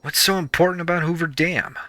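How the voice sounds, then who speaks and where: A man's voice: on the high side, fairly even intonation, fairly quick, bright, forceful tone, dry recording. A man voicing a curious young wanderer in a video game, asking questions in a plain tone. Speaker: player character.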